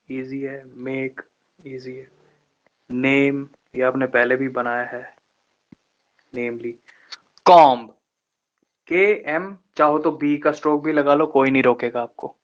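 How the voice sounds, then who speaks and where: A man teaching shorthand in a live online lesson, explaining step by step with patient pauses and slowing down to spell out terms. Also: mid-range voice. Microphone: online class microphone. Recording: dull lo-fi online class audio.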